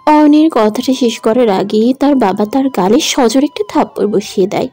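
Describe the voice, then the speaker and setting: A woman's voice: on the high side, normal speed, mellow, soft background music. A woman narrating a romantic audio drama in an emotive, dramatic manner. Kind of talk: scripted story narration.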